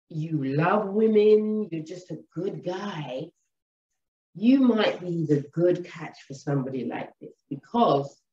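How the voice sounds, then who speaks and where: A woman and mother teaching about relationships in an animated storytelling way, acting out what people say. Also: medium pitch. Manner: animated, storytelling, acts out quotes. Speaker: wellness teacher. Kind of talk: advice monologue. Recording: echoey room, distant mic, dull sound.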